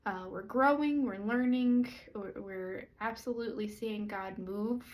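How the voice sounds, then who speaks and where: A woman speaks at an unhurried, reflective pace in a self-recorded church video. She is a pastor's wife and church co-founder inviting viewers in. Her voice sits at a middle pitch. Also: highs cut off. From southern United States. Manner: slow, reflective, earnest and inviting. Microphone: self-recorded camera or phone.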